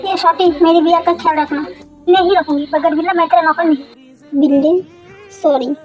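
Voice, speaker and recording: A woman's voice: very high-pitched, steady tone, a little fast, a little mellow, soft background music, poor audio. A woman reading a fan-made love story aloud and voicing every character's bickering dialogue herself.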